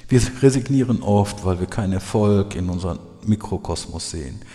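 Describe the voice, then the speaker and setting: This time the preacher's voice is deep and warm, moving fairly quickly as he leads a sermon that includes Bible readings. Earnest throughout, the church leader rises to emphatic outbursts over faint background music in a long, reverberant hall.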